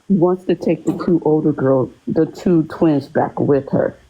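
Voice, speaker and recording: A woman's voice: sits low, unhurried. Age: unknown. Sex: woman. Role: caller on a live stream. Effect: muffled, as if heard through a wall. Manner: keeps her voice down at work. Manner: talking quietly so as not to be loud at work. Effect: muffled phone audio, as if through a wall. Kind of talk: casual chat on a live stream. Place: at her workplace. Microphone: phone. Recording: dull, muffled phone audio.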